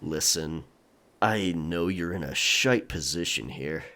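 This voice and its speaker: A male actor plays a stern pirate quartermaster in a historical romance audio drama, speaking low, slow and sharp. His heavily acted delivery is brusque, controlled and quietly threatening, yet still reasonable.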